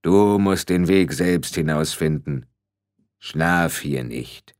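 A grave, towering skeleton speaks for an audiobook, in a heavy voice that rumbles like thunder, as a male narrator puts it on. The words come slow and measured, pitched well below the reader's own voice, with calm solemnity. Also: dry recording, studio quality. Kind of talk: audiobook character voice.

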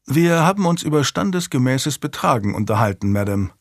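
Brief: gallant nobleman with a wry, kindly tone, as an audiobook narrator gives him, mid pitch, dry sound. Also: expressive, fairly quick, dry recording, close to an everyday voice. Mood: courtly. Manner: gallant and gently teasing. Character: young noble earl, courteous and wry.

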